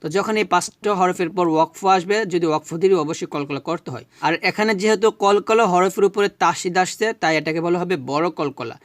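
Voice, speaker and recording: High, clear-voiced male Quran teacher. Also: fairly bright tone, dry recording, clean studio sound. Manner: spells syllables slowly, then recites drawn-out Arabic. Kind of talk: spelling out Arabic recitation lesson.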